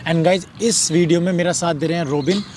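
Earnest young-sounding prank vlog host. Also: male voice, fairly high pitch, steady tone, normal speed, a little mellow, slight background noise. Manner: earnest, reassuring, rambling with fillers. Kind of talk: casual vlog introduction.

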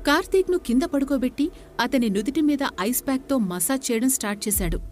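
A woman narrating a horror story in a measured, suspenseful way. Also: on the high side, darkish tone.

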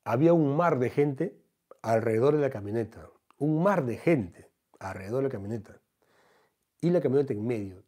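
A man comedian with a Peruvian accent, telling a comic anecdote in a slangy, animated way. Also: medium pitch, moderate pace. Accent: Peruvian Spanish. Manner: slangy, animated, acts out the voices.

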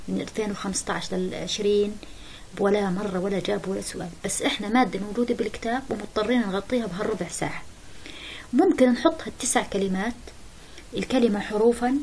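Fast-talking woman teacher, slips english terms in, faint hiss on the recording. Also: medium pitch, darkish tone, low-quality recording. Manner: brisk, explanatory, mixes English terms into Arabic. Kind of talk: exam-prep lesson.

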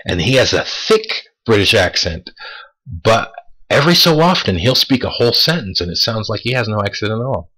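Husky low-voiced man musing to camera. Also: animated, pushed and bright, low-quality recording. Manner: deliberate, repeats words for emphasis; asks rhetorical questions. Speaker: vlogger. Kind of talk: casual monologue to camera.

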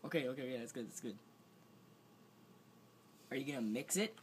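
A young man with a mid-range voice chats casually at a moderate pace, his intonation lively, while filming a challenge for his home vlog. He holds the phone camera himself as he moves through the kitchen and a carpeted room indoors. Background noise runs through the home video.

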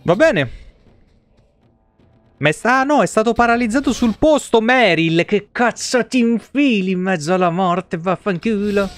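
A game streamer, a man around thirty, gives animated, unhurried live commentary from his home streaming setup indoors. His voice is high, and he jokes around casually and swears freely.

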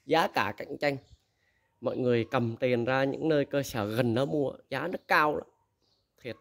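A man's voice: mid-range voice, moderate pace, creaky, a bit bright. Male, candid used-machinery dealer; blunt, casual advice talk. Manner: blunt, candid, laughs often, acts out quoted dialogue.

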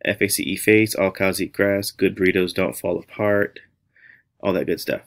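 A deep-voiced man in his thirties with an American accent talks at a normal pace. As a music teacher and tutorial host, he gives a casual, playful lesson, animated and thinking aloud to himself.

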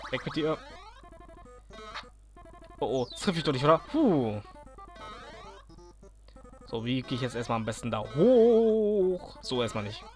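A man's voice: medium pitch, very animated, normal speed, long pauses, a little mellow, soft background music. A man giving casual let's play commentary, grumbling at and cheering on the game, talking to enemies.

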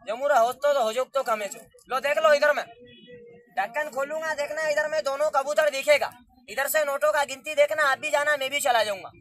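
A young man performing as a street magician, barking patter loudly at a gathered crowd outdoors. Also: extremely high pitch, steady tone, a little fast, slight background noise. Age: young adult.

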